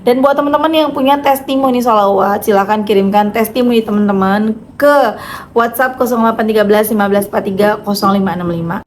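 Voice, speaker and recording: A woman from North talks straight to her viewers. Her speech is loud, quick and blunt, and it sits at an ordinary middle pitch. Faint ambient hiss is heard behind her. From North Jakarta, Indonesia. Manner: loud, fast, blunt way of talking. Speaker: vlogger and author. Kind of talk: casual chat to viewers.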